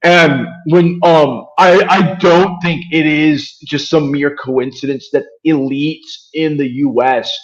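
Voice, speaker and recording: A man's voice: on the high side, muffled recording. A man from Venezuela, a podcast guest talking politics in a rambling way with many fillers and restarts. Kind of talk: casual political discussion.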